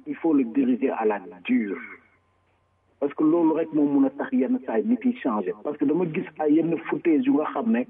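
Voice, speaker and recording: Senegalese guy fired up about politics, high-ish voice, sounds like a phone call, keeps mixing wolof and french. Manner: switches between Wolof and French mid-sentence; forceful and emphatic, repeating words. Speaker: commentator. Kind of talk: political commentary. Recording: tinny phone-line sound.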